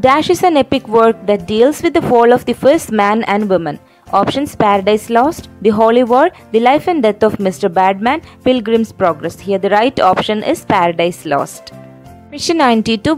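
A woman teacher with a Malayali accent, going through exam questions. She reads each question slowly and explains the answers in quick asides. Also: on the high side, a little mellow.

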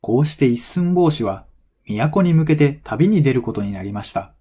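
A man reads a scripted folktale to language learners, keeping his storytelling measured and clearly phrased. His voice is mid-range, warm, and animated.

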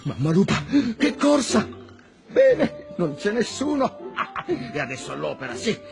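An actor playing a hungry, scheming wolf in a children's TV fantasy, grandiose, self-pitying and full of exclamations. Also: male voice, sits high, wildly swooping pitch, measured pace, gravelly, a little mellow, soft background music, full character voice. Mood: sneaky. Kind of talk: theatrical children's television acting. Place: indoor television studio set.

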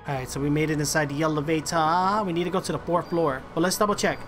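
A man's voice: on the high side, fairly even intonation, fast talker, fairly bright tone. A man in his thirties chatting casually on a game live stream, slangy and chummy with his viewers like a gamer bro. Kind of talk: casual live-stream chat while gaming. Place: indoor room at a streaming setup. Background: music.

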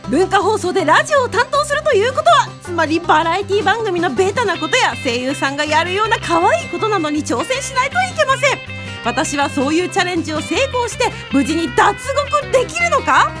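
A woman hosting a comedic radio variety show, sharp-tongued and quick to shout in mock anger. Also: very high-pitched, very animated, over music. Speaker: radio show host, VTuber.

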